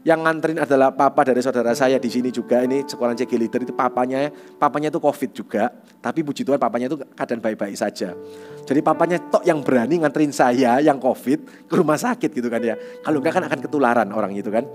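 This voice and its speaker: A man preaching a sermon as youth pastor, telling a personal testimony with lively storytelling and frequent tag phrases. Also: mid-range voice, quick pace, soft background music.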